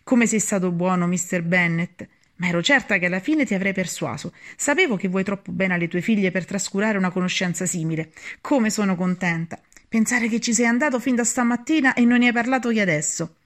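A woman voicing a nervous, complaining middle-aged mother in an audiobook reading, talking fast and excitably. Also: mid-range voice, natural voice. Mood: delighted.

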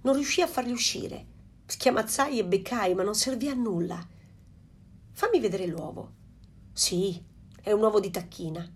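A woman's voice: mid-range voice, moderate pace, pauses often, slightly rough, close to an everyday voice. Woman doing a know-it-all old duck. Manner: knowing, dismissive advice.

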